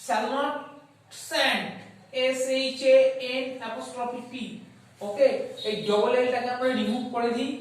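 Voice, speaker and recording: A woman with a Bengali accent teaching an English grammar lesson, switching between Bengali and English, slowing down to stretch each English example word and asking whether the class has understood. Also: high voice, fairly even intonation. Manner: asks checking questions like "okay?" and "is that clear?". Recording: echoey room, voice far from the mic.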